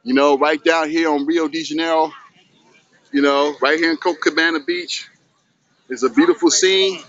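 Out on a sunny beach with a handheld phone camera, a middle-aged vlog host chats in a loose, hyped, streetwise way. His fairly high voice stays steady at normal speed with a slight brightness, captured in dull lo-fi phone sound.

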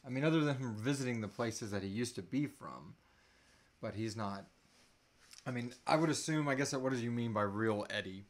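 A man in his thirties, co-hosting a live Q&A, chats in a jokey, lighthearted way while seated on a couch in a small indoor room. His voice is mid-range and his speed is normal.

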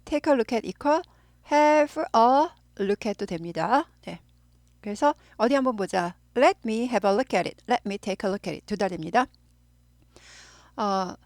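A middle-aged woman who teaches English, explaining phrases in Korean and repeating them slowly for practice. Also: medium pitch, dry recording, studio quality.

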